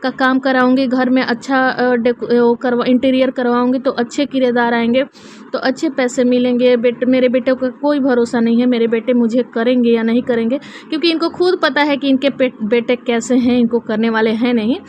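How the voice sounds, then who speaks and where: A woman with a somewhat high voice talks through a reaction video in a loose, chatty way. She scolds as she goes and often stalls on fillers and restarts. A faint hiss of noise sits under her voice. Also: steady tone, a little fast, darkish tone, muffled recording. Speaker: reaction vlogger. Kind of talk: casual critical commentary.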